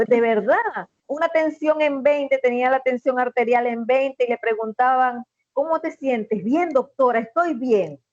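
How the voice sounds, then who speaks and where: A woman telling a personal story in a casual conversation, with many restarts and pauses, over a video call. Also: a little high, darkish tone, no echo, dull audio. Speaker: guest. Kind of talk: casual chat.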